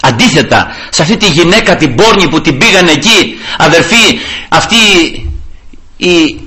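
A man delivers a fiery sermon, his high voice leaping up and down as he hammers his congregation with rhetorical questions. He reads scripture in a formal cadence before preaching in a bright, forceful tone. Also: animated. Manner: fiery, keeps calling out to the brothers with rhetorical questions.

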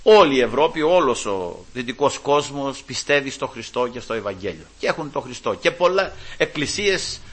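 A man preaching a sermon, fervently addressing the congregation as brothers and telling personal stories, moving between quiet asides and loud, emphatic peaks. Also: mid-range voice, very animated, hardly any pauses, breathy edge. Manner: fervent, keeps calling out to his brothers. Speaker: Pentecostal preacher.

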